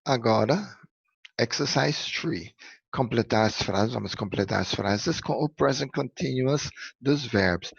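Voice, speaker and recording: Slow, gravelly Brazilian teacher. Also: male voice, on the low side, no echo, lo-fi sound. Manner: patient, step-by-step explaining, frequent "ok?" checks. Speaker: English teacher. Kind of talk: recorded classroom lesson.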